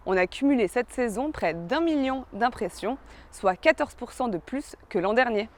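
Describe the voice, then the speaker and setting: A woman's voice: fairly high pitch, animated, normal speed, a little mellow. A woman giving a scripted corporate presentation as a social media presenter.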